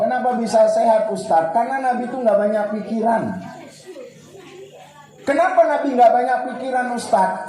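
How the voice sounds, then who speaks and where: High-voiced preacher in an echoey hall. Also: male voice, dark tone. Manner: jokey, keeps addressing the audience directly. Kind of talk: humorous religious lecture.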